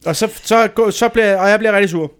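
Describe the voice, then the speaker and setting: A man's voice: sits high, smooth. A man in his thirties telling a dramatic, self-mocking story in a casual chat, swearing freely.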